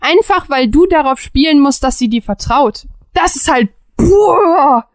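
A woman co-hosting a podcast in casual chat about video games, animated and emphatic. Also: high voice, no echo. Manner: animated, emphatic, quick bursts with frequent restarts. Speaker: podcast co-host.

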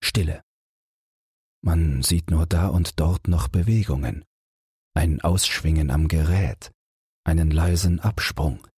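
A man narrating a bedtime audiobook in a low, husky voice, slow and unhurried. The reading is gentle and measured, recorded close and dry with no room sound. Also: no room sound.

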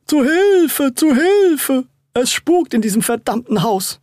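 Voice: high-pitched, big pitch swings, slow, darkish tone, no room sound, pitched above the performer's own voice, full character voice. A narrator voicing a young boy, a prankster brother who cries out in overacted panic. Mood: panicked.

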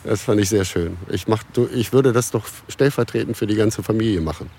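Over a noisy background, a fairly low-pitched man speaks fairly quickly. He's a German musician in his fifties, a guest on a casual podcast, relaxedly telling stories with lots of fillers and restarts.

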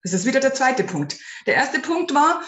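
A woman's voice: high voice, sing-song, moderate pace, a bit bright. A woman hosting an advice podcast as a spiritual life coach, talking earnestly and directly to the listener. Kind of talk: casual spoken advice podcast. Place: room at home with a window. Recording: roomy echo.

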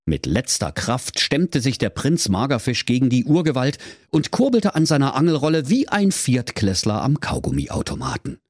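A man narrates a parody fairy tale in a mock-solemn storybook tone. His pitch swoops widely, and his voice sounds dry and close. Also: wildly swooping pitch, moderate pace, few pauses, a little mellow, no echo.

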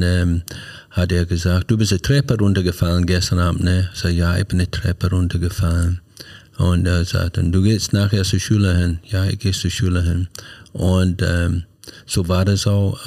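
Low flat-voiced older man. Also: vocal fry, dry recording, studio quality. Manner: halting, many fillers and restarts. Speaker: podcast guest. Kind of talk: personal storytelling.

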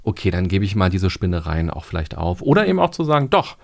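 Low-voiced man explaining with examples. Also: very animated, creaky. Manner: explains with everyday examples, stresses words slowly. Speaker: resilience coach, podcast guest. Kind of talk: casual conversational explaining. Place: podcast studio.

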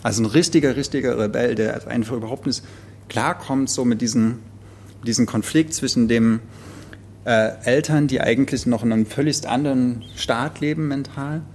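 Gravelly-voiced man discussing a novel. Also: medium pitch, moderate pace, a little mellow, slight background noise. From eastern Germany. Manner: rambling, many restarts, thoughtful. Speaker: podcast co-host. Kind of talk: casual book discussion.

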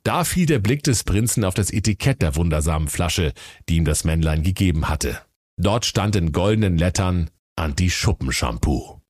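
A man with a deep, low voice tells a comic fairy tale. His delivery is dry and mock-solemn, like a mock bedtime story. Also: animated, normal speed, a little mellow.

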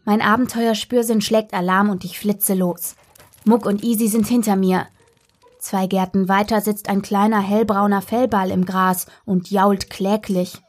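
A woman reading a children's story aloud in a gentle, playful way, narrating as a dog in the first person. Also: medium pitch, steady tone, a little slow.

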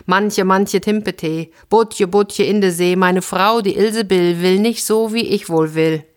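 A woman's voice: low voice, measured pace. Lady reading a story doing a worried little fisherman, kinda sing-songy, doesn't wanna go. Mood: sing-song calling. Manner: worried, murmuring, sing-song when calling the rhyme. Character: poor meek old fisherman, fretful and reluctant.

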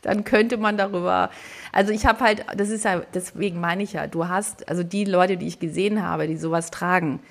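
A woman of Greek background, co-hosting a podcast, talks casually and thinks out loud with many restarts and quick laughs. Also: on the low side, fairly even intonation, gravelly. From Greek family background. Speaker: podcast co-host. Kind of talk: casual conversation.

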